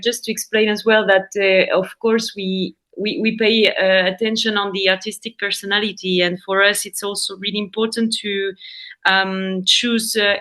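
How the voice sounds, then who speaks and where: A woman's voice: mid-range voice, a bit bright, low-quality recording. A woman with a French accent, a gallery co-founder explaining her work in a casual interview, earnest and often repeating words. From France.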